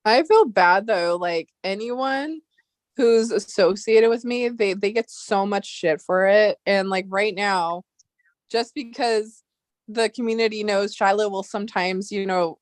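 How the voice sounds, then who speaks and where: A woman's voice: mid-range voice, unhurried, no room sound, clean studio sound. A woman hosting a casual chat, talking freely, laughing often and poking fun at herself. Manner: chatty, laughs often, self-deprecating. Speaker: host.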